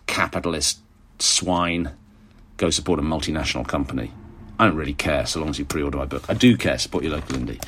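A man, an author answering readers' questions in a wry, chatty way, his voice croaky with vocal fry and hoarse from a cold. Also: sits low. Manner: wry, chatty, self-mocking. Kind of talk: casual monologue answering audience questions.

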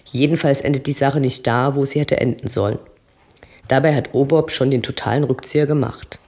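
A man's voice: medium pitch, steady tone, a little fast, a little mellow. A man reading a crime novel aloud in plain storytelling narration. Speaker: reader.

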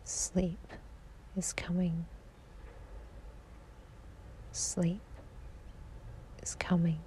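A woman guiding a sleep meditation in a slow, soothing voice that drifts into whispers. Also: fairly low pitch, completely flat delivery, mellow. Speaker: sleep hypnosis guide.

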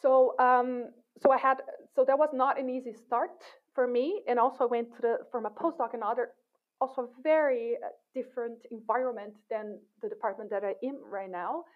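A woman's voice: fairly high pitch, fairly even intonation, normal speed. A woman researcher being interviewed, talking thoughtfully with frequent restarts. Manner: thoughtful, with many restarts and fillers. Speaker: guest, cognitive science researcher. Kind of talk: casual interview talk. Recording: tinny phone-like call audio.

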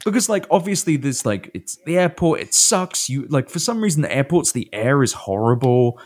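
A man in casual podcast chat, ranting with lots of swearing and dark, sardonic jokes. His pitch moves widely as he gets worked up. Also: big pitch swings, moderate pace. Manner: profane, ranting, sardonic humor. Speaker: podcast co-host.

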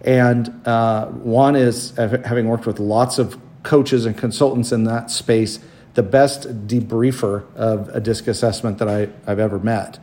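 A man hosting a conversational podcast interview at home, feeling his way through sentences in a halting manner. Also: medium pitch, little pitch movement, warm tone. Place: home dining room.

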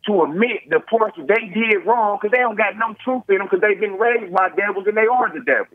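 A man's voice: sits high, brisk. A man calling in to a talk show on a clipped speakerphone line that breaks up, rambling and repeating fillers. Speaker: caller. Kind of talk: casual call-in rant. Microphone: phone on speakerphone. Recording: tinny dry phone line.

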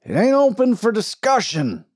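A man voicing a big, commanding frontier sheriff who booms out orders and talks in a folksy drawl. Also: animated, unhurried, a little mellow, no echo, studio quality, lightly acted.

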